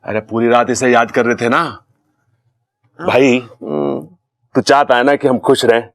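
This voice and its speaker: A man's voice: medium pitch, steady tone, a little slow, no room sound, studio quality, close to an everyday voice. An actor playing a cheerful eldest brother who coaxes his younger brother in a playful way in a TV serial. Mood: coaxing. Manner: coaxing, playful. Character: cheerful scheming eldest brother, adult man. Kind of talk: TV serial acting. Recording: music playing behind.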